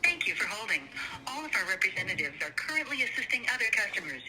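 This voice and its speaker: A woman's voice in a recorded phone hold message, reading a polite, scripted announcement in an even manner. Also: mid-range voice, fast talker. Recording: noisy phone line.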